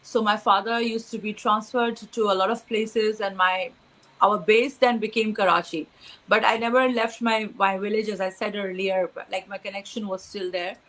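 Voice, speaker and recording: A woman's voice: medium pitch, steady tone, normal speed, a bit bright, poor audio. A young woman from Pakistan answering interview questions, hesitant, with many fillers and restarts. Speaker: interview guest.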